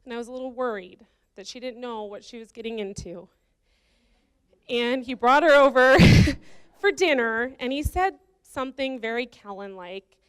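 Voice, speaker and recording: A woman's voice: fairly high pitch, clean tone, dry recording. A woman giving a heartfelt wedding toast welcoming her brother's bride into the family. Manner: heartfelt, slow and careful. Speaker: groom's sister giving a toast.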